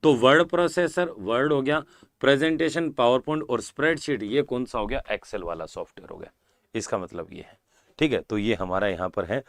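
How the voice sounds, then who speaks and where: A man's voice: mid-range voice, brisk, no room sound. A man teaching a computer class live online, repeating key terms, checking in with the class and calling the students "beta". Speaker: exam-prep computer teacher.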